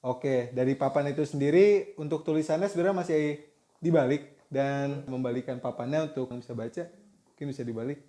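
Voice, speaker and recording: A man's voice: mid-range voice, brisk, mellow. A young man hosting a student discussion, polite and hesitant, with many fillers. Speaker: interviewer.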